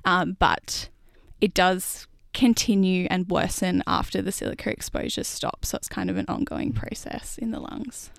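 A woman's voice: lowish voice, steady tone, normal speed, vocal fry, hardly any pauses, dry recording, clean studio sound. A young woman researcher being interviewed, explaining things informally in plain words. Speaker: PhD researcher, interview guest.

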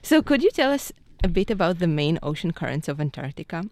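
A woman hosting a radio science show, presenting scripted lines in a bright, curious manner. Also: on the low side, sing-song, quick pace, dry recording.

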